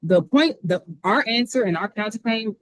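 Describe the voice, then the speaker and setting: A woman attorney arguing her side in a hearing over a video call, talking fast. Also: mid-range voice, expressive, no room sound, poor audio. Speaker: defense attorney. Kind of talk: courtroom argument.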